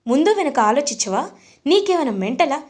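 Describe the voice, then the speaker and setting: A woman voicing an irritable young husband who scolds and shouts at his wife in a TV serial recap. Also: high-pitched, sing-song, moderate pace, voice pushed up. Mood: irritated scolding. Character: irritable young husband, a male office boss.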